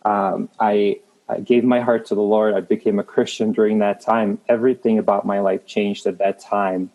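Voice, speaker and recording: A Czech man in his thirties with a Czech accent, a creative manager appearing as a guest, gives motivational interview talk in an earnest, encouraging way, often restarting his sentences. His voice sits on the low side with little pitch movement, a warm tone, and normal speed. The audio is dull.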